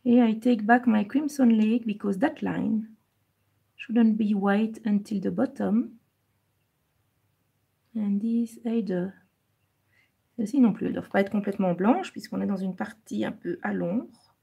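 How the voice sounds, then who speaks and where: Husky-voiced woman coloring live. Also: mid-range voice, measured pace, pauses often, dull audio. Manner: switches between French and English, repeating each step; soft, murmured while concentrating on coloring. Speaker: live coloring stream host. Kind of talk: bilingual live coloring tutorial, reading chat.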